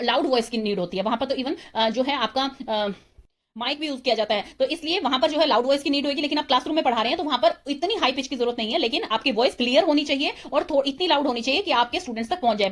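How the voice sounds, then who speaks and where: Young woman tutor, high voice, rattles through a revision lecture at top speed, mixing in English terms. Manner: rapid, explanatory, mixing Hindi and English terms. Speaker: teacher-training tutor.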